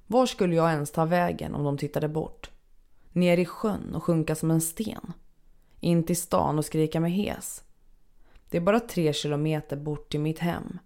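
Low gravelly woman narrating a story. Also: a little mellow. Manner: measured, unhurried, somber. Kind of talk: first-person scripted narration.

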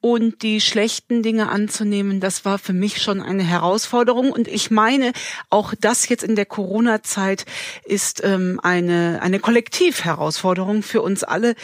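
A woman's voice: mid-range voice, moderate pace, dry recording. Candid woman telling her story, dry sound. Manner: candid, conversational storyteller with vivid imagery. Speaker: podcast host and author. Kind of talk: personal reflective monologue.

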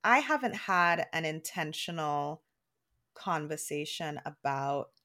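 Woman in her 30s, podcast co-host, slightly low voice, casual and chatty, lots of restarts and "like"s. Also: lively intonation, takes it slowly, pushed and bright. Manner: chatty, many restarts and "like"s, laughs easily.

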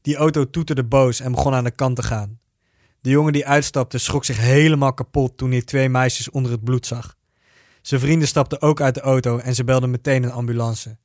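Man, storyteller, first-person narration, steady even delivery, dry close sound. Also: medium pitch, brisk, dry recording.

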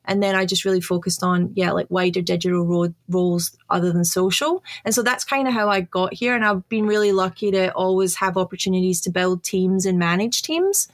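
Speaking on the low side, fairly quickly and with hardly any pauses, a middle-aged Scottish-accented woman from Scotland chats upbeat as a casual interview guest. A chief digital officer, she laughs a lot, and there's no echo.

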